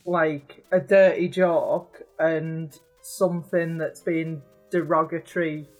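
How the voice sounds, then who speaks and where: Woman podcast co-host, lowish voice, earnest casual chat, faint music behind. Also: little pitch movement, slow pace, darkish tone, rough recording.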